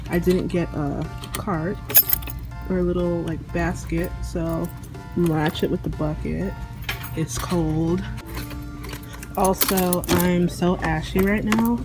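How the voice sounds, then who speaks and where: A young woman chatting casually to her phone camera as a vlogger, telling stories with lively animation, from inside her car and while out shopping. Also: lowish voice, slow pace, pauses often, music in the background. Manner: chatty, animated storytelling with laughs. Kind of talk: casual vlog chat. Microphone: phone camera held close. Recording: noisy phone recording.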